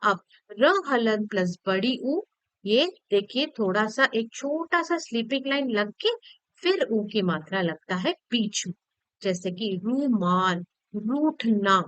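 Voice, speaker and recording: A woman's voice: on the high side, lively intonation, slow pace, a bit bright, dry recording. A woman teacher patiently explaining a grammar lesson to children, repeating points and checking that they follow.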